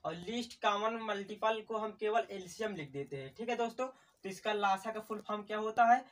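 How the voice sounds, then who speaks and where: A man's voice: high voice, fairly quick, a bit bright, distant mic. A man teaching math as in a classroom, asking questions and answering them himself, repeating key terms and calling his viewers friends. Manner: addresses viewers as friends again and again. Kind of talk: classroom-style lesson at a board.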